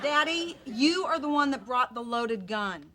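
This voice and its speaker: A woman's voice: high-pitched, animated, unhurried, heavy background noise. A woman playing a sarcastic, bossy wife in a sitcom. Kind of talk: sitcom acting. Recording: studio sitcom with audience laughter.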